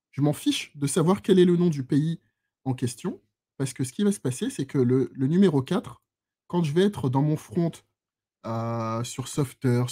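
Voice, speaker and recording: A man's voice: fairly high pitch, warm tone. A man giving a chatty live-streamed lesson on databases, full of fillers, restarts and self-teasing asides. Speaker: instructor. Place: lives in Switzerland.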